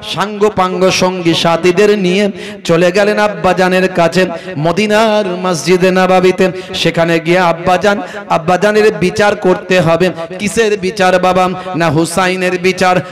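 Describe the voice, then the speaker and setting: A man preaching a sermon in a chanting cadence, his voice rising to high, ringing cries as he calls out to the young men. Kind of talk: Bengali waz sermon.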